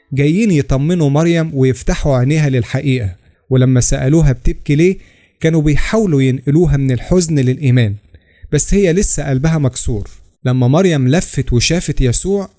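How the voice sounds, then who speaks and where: Speaking with an Egyptian Arabic accent, this male channel narrator delivers scripted religious content in a steady, explanatory way and cites passages of scripture. His pitch is fairly high.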